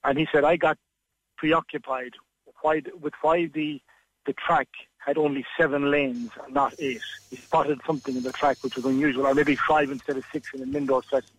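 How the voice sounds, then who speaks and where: A man's voice: fairly high pitch, little pitch movement, normal speed, no echo, poor audio. A man giving frank, discursive interview advice on a radio call-in, with many fillers and restarts. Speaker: interview coach.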